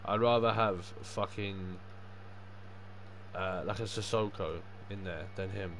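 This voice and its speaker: A young man with a fairly low voice talks casually as he livestreams a game. His speech is loose, sweary and packed with matey slang. There is clear background noise and game ambience under his voice. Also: fairly even intonation, measured pace, a bit bright. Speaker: livestreaming gamer. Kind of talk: casual livestream gaming chat.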